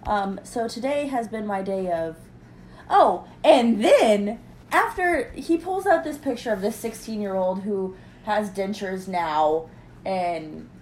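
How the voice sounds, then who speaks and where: A woman's voice: mid-range voice, lively intonation, takes it slowly, a little mellow, slight background noise. A young woman in casual chat, telling a sarcastic story and mimicking the people in it. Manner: storytelling, mimics others in quoted dialogue, sarcastic.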